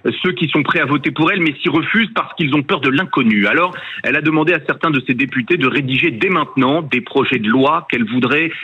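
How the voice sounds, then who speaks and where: Man, French accent, muffled as if inside a tin can, lo-fi remote connection, unclear husky tone, radio political commentary. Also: a little high, quick pace, bright, forceful tone. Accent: French from France. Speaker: political editor commenting on air. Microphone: remote call connection. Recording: tinny, dull lo-fi remote radio line.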